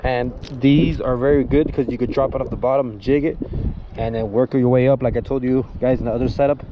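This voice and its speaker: A fishing vlogger on an outdoor pier eagerly walks viewers through the steps in a casual how-to. His medium-pitched voice has its highs cut off, and the chest-mounted action camera catches wind noise.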